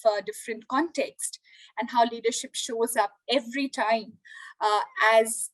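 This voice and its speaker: Woman panelist on a video call, somewhat high voice, thoughtful, filler-heavy delivery. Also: poor audio. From India. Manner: reflective, many "you know" fillers. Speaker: panelist, leadership development. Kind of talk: virtual panel discussion.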